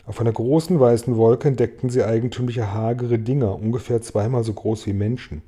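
Dark, husky male storyteller. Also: medium pitch. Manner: calm, measured storytelling. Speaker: audiobook reader. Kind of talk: storybook narration read aloud.

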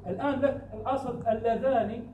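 A man teaching a grammar class, quizzing students with repeated questions and chanting verse lines slowly. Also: very high-pitched, fairly even intonation, mellow, dull audio, a little hiss or hum. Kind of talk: classroom lesson. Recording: echoey room, distant mic.

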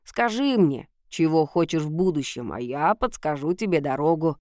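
A woman voicing an old, grumbling village witch who tells fortunes in a gruff, slow, mocking way. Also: low-pitched, lively intonation, darkish tone, no echo, clean studio sound. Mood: stern.

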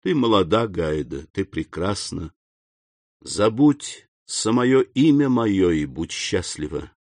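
A man reading aloud and voicing a grave, restrained nobleman who speaks low and solemnly. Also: lively intonation, slow pace, a little mellow, no echo, full character voice.

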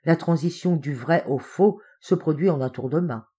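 A woman narrating an audiobook in a measured, literary storytelling manner. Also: deep voice, dark tone, husky. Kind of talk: scripted narration.

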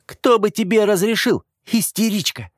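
A man voicing a sharp-tongued teenage girl who teases and mocks in a sugary tone, in a dry, close recording. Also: sits high, moderate pace, no echo, pitched above the performer's own voice. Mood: mocking. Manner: teasing, sarcastic, sugary.

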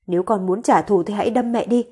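A woman's voice: medium pitch, quick pace, warm tone, slightly rough, lightly acted. A woman voicing a middle-aged mother who pleads to protect her daughter in an audio story. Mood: pleading. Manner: pleading, tearful.

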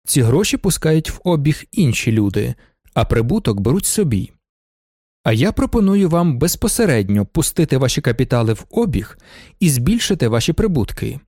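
Man voicing a merchant, composed, businesslike, measured, persuasive, audiobook, dry. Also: medium pitch, mellow, no echo. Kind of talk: audiobook character voice.

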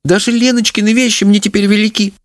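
A man voicing a fussy, anxious middle-aged mother in a storybook reading, in a shrill, scolding manner. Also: lively intonation, brisk, no echo. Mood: tearful.

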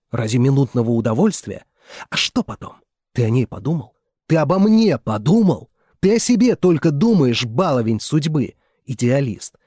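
A man voicing a distraught young woman who shouts and pleads in turn, his voice husky. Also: mid-range voice, dry recording, clean studio sound, exaggerated voice.

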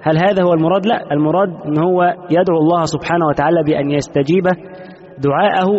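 A man's voice: on the high side, fairly even intonation, racing, a little mellow. A man teaching a classical legal text, reading passages and explaining them in colloquial asides. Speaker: sheikh teaching Islamic law. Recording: dull lo-fi audio with long reverb.

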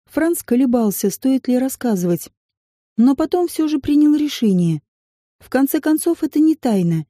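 A woman narrating a first-person audiobook with a wry, ironic touch. Her voice sits a bit high, yet its tone is very dark and mellow. The sound is close and dry. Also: sing-song, normal speed, no echo.

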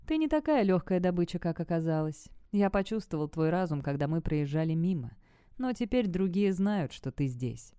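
A woman reading the lines of a calm, knowing male warlock in an audiobook, keeping a low, matter-of-fact delivery. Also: moderate pace, clean tone, no echo, studio quality. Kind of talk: audiobook character voice.

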